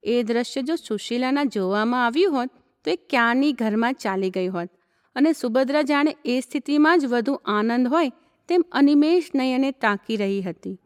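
A woman narrating a story aloud in a calm, even storytelling manner. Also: a little high, moderate pace. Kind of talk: storybook reading. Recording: long hall reverb.

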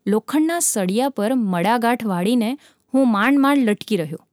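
A woman narrating a dramatic sea story with a vivid, measured reading. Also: fairly high pitch, lively intonation, darkish tone, no echo, studio quality.

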